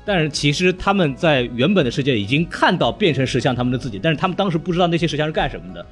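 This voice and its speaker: A man's voice: fairly high pitch, very animated, rapid-fire, faint music behind. A man hosting a podcast, retelling cartoon plots in casual chat, rambling along and laughing often. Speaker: podcast host.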